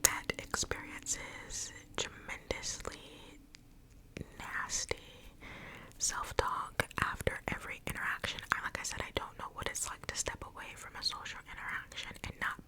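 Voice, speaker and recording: A woman speaking in a breathy, unvoiced whisper, rambling intimately and repeating phrases in an ASMR style, cupped close to the mic. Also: moderate pace, pushed and bright, poor audio. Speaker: ASMR content creator. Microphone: close mic with cupped-hand whispering.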